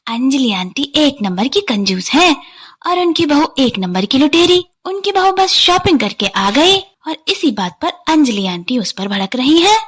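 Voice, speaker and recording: A woman voicing a nosy, chatty young daughter-in-law who gossips in an animated story. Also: sits high, a little slow, heavily acted. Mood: gossipy.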